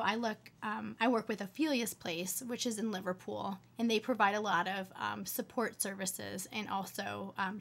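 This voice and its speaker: A woman's voice: medium pitch, a bit bright. A young woman in her twenties, a medical student answering interview questions earnestly with many fillers. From United States.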